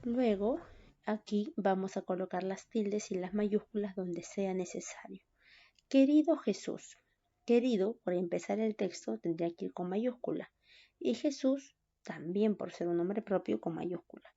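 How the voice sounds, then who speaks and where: A woman teaching a recorded online class, slow and patient, often checking in with "¿no?". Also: medium pitch, dark tone. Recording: dull lo-fi sound.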